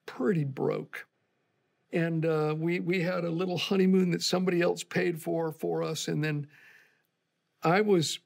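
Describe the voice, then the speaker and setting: A man's voice: sits high, vocal fry. An older man, a pastor, giving an earnest, conversational Bible teaching that moves into personal storytelling.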